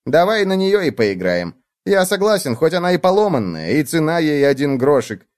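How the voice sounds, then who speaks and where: A man voicing a mischievous, boastful little bedbug prince in a high, teasing voice for a children's storybook. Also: sing-song, normal speed, a little mellow.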